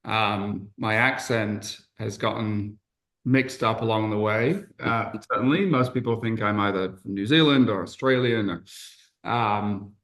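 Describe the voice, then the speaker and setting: A man's voice: lowish voice, a little slow, fairly bright tone. A man from England, a podcast guest and entrepreneur, speaking candidly and reflectively in casual conversation, with frequent fillers and restarts.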